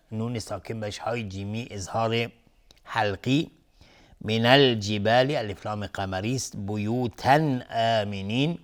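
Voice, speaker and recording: A man with a Persian accent teaching Quran recitation rules, explaining calmly and then chanting verses slowly. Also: fairly low pitch.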